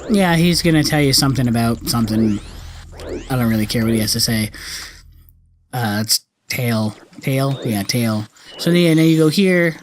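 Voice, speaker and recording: Over video game music and a bit of background noise, a male gaming host delivers loose, slangy let's-play commentary. His voice sits at a medium pitch with lively intonation and a normal speed, and he keeps correcting himself as he rambles.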